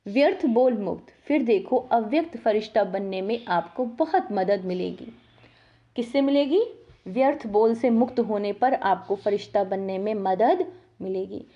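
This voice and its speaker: A woman giving a devotional sermon on the daily lesson, lively, asking her listeners questions and answering them herself. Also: medium pitch, a little slow, dull audio. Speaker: spiritual teacher explaining the daily lesson. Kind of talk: devotional sermon, explaining a scripture reading.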